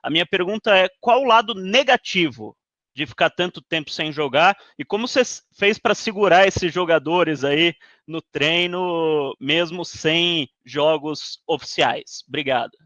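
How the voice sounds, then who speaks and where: A man's voice: on the high side, unhurried, a bit bright, dry recording, dull audio. A man, a radio sports reporter, laying out a long setup before his press conference question.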